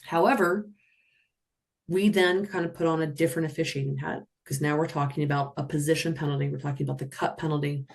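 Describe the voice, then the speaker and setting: Her low voice comes quick and creaky as she leads an online session as a roller derby officiating instructor, animated and energetic. Using a computer mic on what sounds like a video call, she teaches the webinar while voicing the players in playful character voices.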